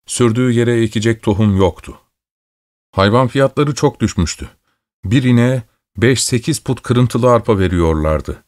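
A man reading a novel aloud in steady, measured audiobook narration. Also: medium pitch, no echo, clean studio sound.

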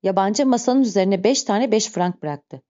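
Woman, audiobook narration, steady measured pace, mellow dark tone, dull lo-fi recording. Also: medium pitch.

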